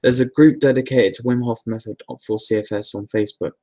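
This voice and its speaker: A man hosting a casual live Q&A, answering viewer questions in a relaxed, meandering way with lots of fillers and restarts. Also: medium pitch, a little fast.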